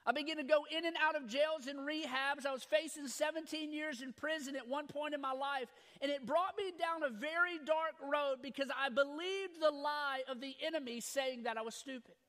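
A man's voice: very high voice, moderate pace, few pauses, sharp tone. A man preaching a sermon and telling his personal testimony, earnest and storytelling, often repeating words as he goes.

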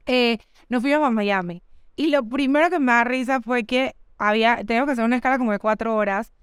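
A young woman tells animated travel stories on a casual podcast. Her voice sits a little high and is very clear, recorded close and dry. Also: quick pace, no echo. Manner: lively, animated storytelling. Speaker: podcast co-host. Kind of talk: casual chat.

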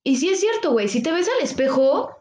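A young Mexican woman with a Mexican accent, chatting as a podcast co-host and telling stories in an expressive, slangy way. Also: high voice, a little fast, reverberant. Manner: expressive, slangy, laughing storyteller. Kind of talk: casual chat.

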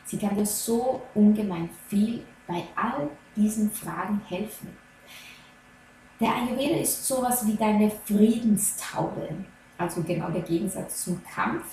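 A woman coaching on Ayurveda, talking gently and earnestly straight to the listener. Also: mid-range voice, measured pace, a little hiss or hum. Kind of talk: slow advice talk to viewer. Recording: very echoey room, faint ambience.

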